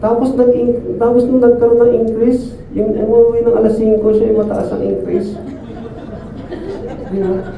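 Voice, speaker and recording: A man preaches a sermon at a church service in a high voice, chatting with the congregation and checking again and again that they agree. He stands away from the microphone in a reverberant hall. The sound is narrow and tinny like a phone line, with faint room noise behind. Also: little pitch movement, normal speed, gravelly, pauses often, some chatter behind. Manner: conversational, often asks listeners "di ba?". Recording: echoey distant phone-like sound.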